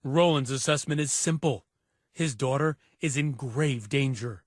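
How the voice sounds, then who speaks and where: A man narrating a television news investigation in a measured, dramatic scripted delivery. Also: mid-range voice, heavy background noise. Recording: music bed under voice.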